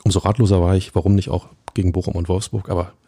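A man's voice: sits low, steady tone, quick pace, gravelly, dark tone, slightly rough, no echo. A man chatting casually about football as a pundit on a podcast, emphatic and colloquial, speaking straight to his listeners. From Berlin.

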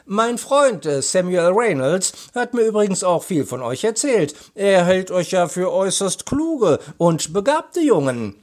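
A man's voice: sits high, very animated, unhurried, hardly any pauses, a little mellow, pitched above the performer's own voice. A man voicing a cheerful veteran woman police inspector in a read-aloud story. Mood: proud.

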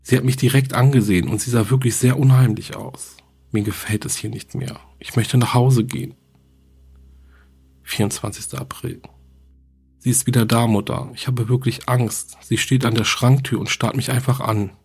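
A man reading the diary entries of a lonely, grieving young girl in a quiet, earnest way, as horror narration. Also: mid-range voice, steady tone, moderate pace, gravelly, husky. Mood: frightened.

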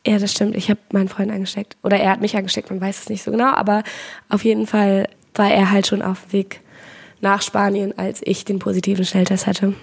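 Hoarse young woman with a smoker's rasp. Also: medium pitch, completely flat delivery, a little fast. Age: 20s. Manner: self-ironic, jokey. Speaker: podcast co-host. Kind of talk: casual podcast chat.

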